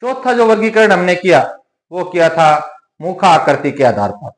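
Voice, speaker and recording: A man with a fairly high voice teaching a grammar class. He asks questions aloud and answers them himself, repeating key terms. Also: big pitch swings, normal speed. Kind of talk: classroom-style lesson.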